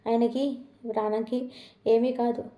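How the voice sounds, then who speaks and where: Inner voice figure, pushy and scolding, very flat dark delivery, a woman reading it out. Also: fairly high pitch, measured pace, reverberant, lightly acted. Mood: insistent. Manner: insistent, scolding. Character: young woman's inner self, pushing her toward love.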